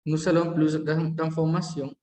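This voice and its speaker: A man teaching a language lesson, slowly repeating each word form aloud as he explains it. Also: on the high side, little pitch movement, mellow. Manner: slow, careful, repeats word forms aloud. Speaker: French teacher. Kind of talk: bilingual classroom lesson. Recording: echoey hall.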